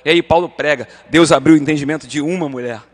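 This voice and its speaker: Brazilian man, high voice, fervent Bible class teacher, church reverb. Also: fast talker. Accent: Brazilian Portuguese. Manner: fervent, addresses listeners as beloved, acts out dialogues. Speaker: Sunday school teacher.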